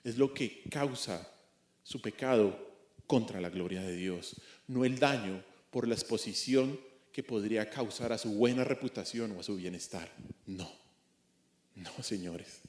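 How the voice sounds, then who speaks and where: A man's voice: lowish voice, measured pace, darkish tone, echoey room. A man preaching an expository sermon as a pastor, earnest, asking rhetorical questions and repeating his points. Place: church.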